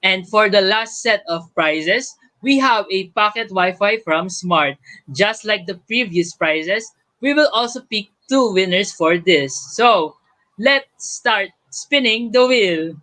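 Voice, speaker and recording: A man's voice: high voice, lively intonation, slow pace, pushed and bright. A young man with a Filipino accent co-hosts a scripted online event, announcing giveaways in an upbeat way. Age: young adult. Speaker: event co-host, student raffle announcer.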